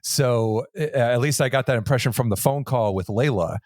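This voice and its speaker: A man's voice: medium pitch, moderate pace, no room sound, clean studio sound. A man chatting casually on a podcast, wry and playful with words. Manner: wry, playful wordplay, chuckling. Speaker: podcast co-host. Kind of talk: casual chat.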